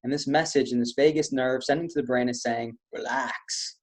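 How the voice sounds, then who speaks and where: A man presents a stress-relief webinar, walking listeners through posture and breathing exercises with step-by-step coaching. His medium-pitched delivery is fast and fairly even in intonation.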